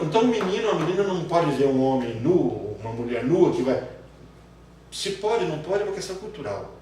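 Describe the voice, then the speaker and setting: Guy teaching a psych class, voice jumps all over, sounds far from the mic in a really echoey room w/ a bit of hiss. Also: fairly high pitch. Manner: animated, acts out children's voices. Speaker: lecturer.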